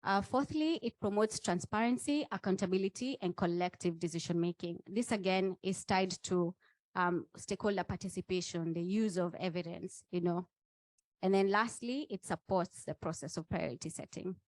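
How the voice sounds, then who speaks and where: Female training facilitator, lowish voice, didactic delivery that engages the room, dry sound. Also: normal speed, no echo, rough recording. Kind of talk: presenting a training session.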